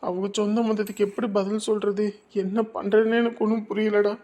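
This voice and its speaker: A woman's voice: medium pitch, flat delivery, a little fast, dark tone, close to an everyday voice. A woman voicing a worn-out young husband who is desperately searching for his missing wife, pleading and tearful. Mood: worried, exhausted. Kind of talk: audio drama acting.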